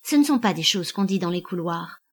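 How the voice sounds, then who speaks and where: A woman's voice: lowish voice, lively intonation, a little fast, slightly rough. Woman narrating a first-person novel. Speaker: audiobook narrator.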